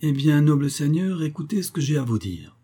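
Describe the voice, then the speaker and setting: A man reading aloud and voicing a fawning, shrewd old male banker with a nasal, whining voice, in a low husky register. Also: moderate pace, mellow. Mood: sly.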